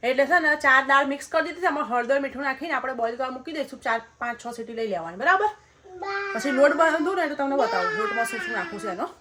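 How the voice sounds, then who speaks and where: A woman's voice: sits high, expressive, fast, bright, forceful tone, slight background noise. Chatty young Gujarati-accented woman vlogger. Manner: chatty, keeps saying "guys", laughs often. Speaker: family vlogger. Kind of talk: casual cooking vlog chat.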